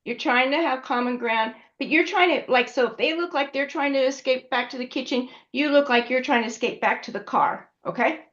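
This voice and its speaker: Woman, instructor, conversational classroom lecture, higher voice, muffled lo-fi sound. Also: brisk, hardly any pauses, fairly bright tone. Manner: conversational, checks in with the class often. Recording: dull lo-fi recording.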